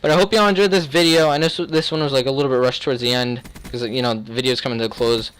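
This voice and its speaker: A young man chats casually as he tells a story to viewers. His pitch sits in the middle of the male range. He rambles in loose slang and often clears his throat. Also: fairly even intonation, rapid-fire, a bit bright, low-quality recording. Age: young adult. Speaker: video creator.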